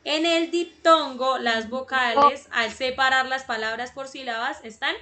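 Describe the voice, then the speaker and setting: A woman teaching an online class over a video call, repeating words slowly and clearly. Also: sits high, sharp tone. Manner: slow, repeats words syllable by syllable.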